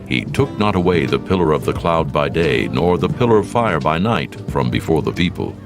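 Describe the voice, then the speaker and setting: A man narrates scripture with solemn, measured delivery. His voice is extremely deep and gravelly, and music plays clearly behind him. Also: very animated.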